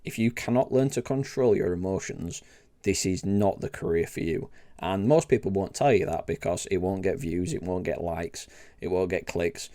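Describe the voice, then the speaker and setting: This middle-aged trading tips host speaks in a low, mellow voice at normal speed, with an old Yorkshire accent. His informal educational talk to camera is blunt and plain-spoken, frequently punctuated by short tags like "right?" and "okay?"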